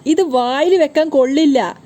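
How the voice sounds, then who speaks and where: A woman voicing a stern middle-aged mother-in-law who scolds with sharp, accusing questions in a TV serial recap. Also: high voice, measured pace. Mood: scolding.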